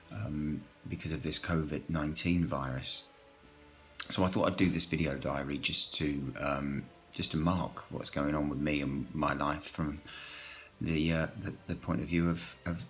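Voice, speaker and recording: Man doing hesitant high-risk shut-in, halting speech, extremely deep voice. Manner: hesitant, many ums and restarts. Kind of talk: improvised video diary. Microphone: webcam or phone at home.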